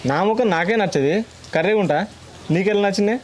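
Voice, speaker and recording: A tender, teasing young village lover, played by a man with a Telangana Telugu accent. His voice sits slightly above the usual male pitch, and he rattles his words off very fast. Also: a little hiss or hum, natural voice. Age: young adult. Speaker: young eloping groom.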